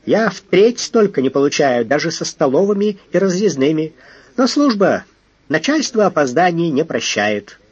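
A man's voice: on the high side, very animated, moderate pace, a little mellow, slightly rough, no echo, highs cut off, pitched above the performer's own voice. A man voicing a modest army staff captain who speaks politely and deferentially, in an audiobook.

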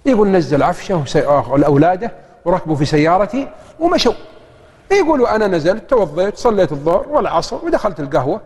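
A man's voice: high-pitched, fast talker, slightly rough. A man with a Saudi accent preaching and telling a story, acting out the voices of the people in it. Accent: Saudi Arabic. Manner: lively storytelling that acts out the dialogue. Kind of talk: storytelling sermon. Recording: long hall reverb.

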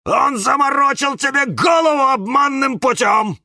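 Brief: high, lively, indignant cactus played by a male narrator, dry close sound. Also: a little slow, breathy edge, dry recording, heavily acted. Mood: shouting. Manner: agitated, accusing, shouting. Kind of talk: audiobook character voice.

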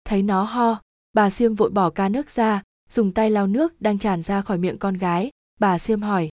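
A woman narrating a ghost story audiobook in a steady, dramatic storytelling manner. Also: mid-range voice, normal speed, no room sound, clean studio sound.

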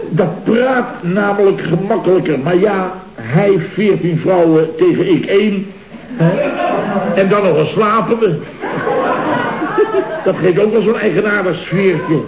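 An actor playing a chatty, boastful boss of a construction firm in a 1960s radio comedy, talking in rambling, jovial asides. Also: male voice, high voice, a little slow, pauses often, crowd noise. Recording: dull, roomy old radio recording.

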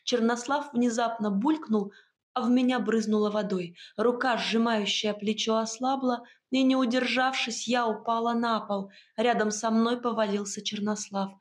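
Measured woman audiobook narrator. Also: fairly high pitch, fairly even intonation. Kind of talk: scripted first-person narration.

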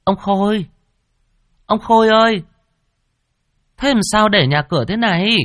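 A man's voice: sits high, a little slow, a bit bright, no echo, studio quality, voice pushed up. A man voicing an alarmed middle-aged countrywoman who calls out shrilly. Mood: alarmed calling.

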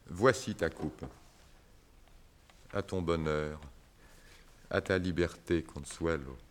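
An actor playing a sad, tender male circus clown who speaks softly and deliberately. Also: deep voice, a little hiss or hum. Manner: soft, slow and deliberate, rising to bitter outbursts. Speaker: Celui. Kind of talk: 1960s French radio drama acting.

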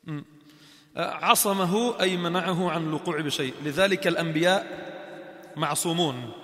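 A man with a Levantine Arabic accent teaching a mosque class, lively, acting out little scenes and quizzing his students. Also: a little high, fairly quick. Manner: animated, acts out little scenes and asks the class questions. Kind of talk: classroom religious lesson. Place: large echoey mosque hall. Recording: roomy hall reverb.

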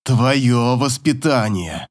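A man doing a gruff, venomous ex-husband. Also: mid-range voice, animated, moderate pace, natural voice. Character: cold, spiteful middle-aged ex-husband.

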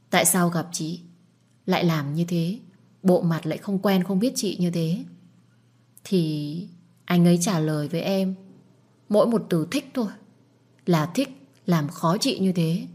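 A woman's voice: on the low side, darkish tone, slightly rough. A woman doing a pushy, nosy young woman. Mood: indignant. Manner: pushy, quick to scold. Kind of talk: audiobook dialogue.

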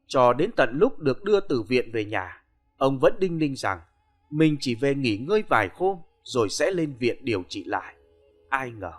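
A man reading a ghost story aloud, measured and even in his storytelling. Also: medium pitch. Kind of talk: scripted ghost-story narration. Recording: faint music bed behind voice.

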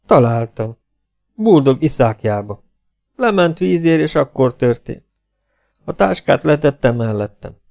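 A man reading an audiobook, voicing a hoarse, wheezing outlaw who speaks tersely. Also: mid-range voice, very animated, pauses often, darkish tone, voice pushed up. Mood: muttering. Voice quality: hoarse, coughing voice. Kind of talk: audiobook character voice.

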